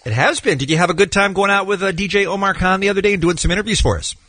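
A man's voice: high-pitched, very fast, sharp tone, dry recording. A man hosting a radio show in casual banter with callers.

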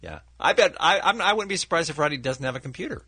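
A man's voice: fairly high pitch, lively intonation, fast talker, bright, forceful tone, husky, no echo. A middle-aged man hosting a radio show in casual, conversational banter on a close studio microphone.

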